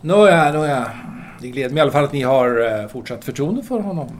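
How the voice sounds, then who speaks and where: In an audio drama, a male actor plays a self-absorbed French intellectual lover, earnestly justifying himself in a confiding mood. His medium-pitched voice is animated yet close to everyday speech, and his delivery is formal and halting, full of theatrical hesitations.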